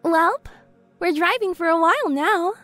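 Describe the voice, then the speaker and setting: A bubbly, scheming young woman with a very high, slow, drawn-out voice, as a male narrator puts her on. Faint music plays under the storybook reading. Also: animated, pushed and bright, dry recording, full character voice. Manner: bubbly, high and breathy, faux-whimpering when playing lost. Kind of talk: fan audiobook reading.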